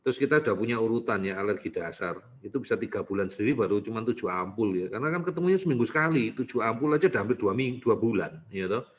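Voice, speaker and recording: A man's voice: on the low side, rapid-fire, hardly any pauses. A man, a doctor, answering parents' questions in an online consultation, chatty and teasing, often tagging his sentences with a questioning "ya". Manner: lively, talkative, frequently adding "ya" tags. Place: clinic.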